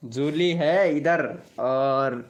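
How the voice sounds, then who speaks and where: A man's voice: on the high side, drawn-out words. A man chatting casually on a livestream, greeting viewers by name and repeating his phrases as he reads out their comments. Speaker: live streamer greeting viewers.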